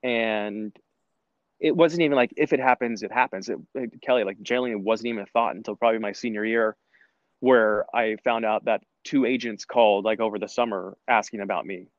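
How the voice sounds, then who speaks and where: A man's voice: fairly low pitch, a little fast, no room sound, lo-fi sound. A man, a former college soccer player, telling his story in a casual interview with lots of restarts and fillers. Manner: rambling, many restarts and filler words.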